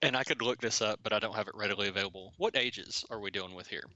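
A man's voice: on the low side, rapid-fire, sharp tone, dull audio. A man in his thirties, politely asking questions in a casual podcast chat. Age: 30s. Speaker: podcast co-host.

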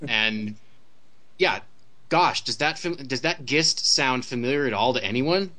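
A man's voice: mid-range voice, animated, unhurried, bright, forceful tone. A man speaking casually as a panelist discussing video games, with a wry, dry sense of humour. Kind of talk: casual chat.

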